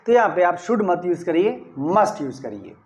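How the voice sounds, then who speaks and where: A man gives a step-by-step grammar lesson, checking in with his students as he goes. His voice sits high, and the recording is somewhat dull and lo-fi. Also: very animated, moderate pace, a little mellow. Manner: explains step by step, often asks "clear?"; stresses key words when saying model sentences. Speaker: English grammar teacher. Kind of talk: classroom-style grammar lesson.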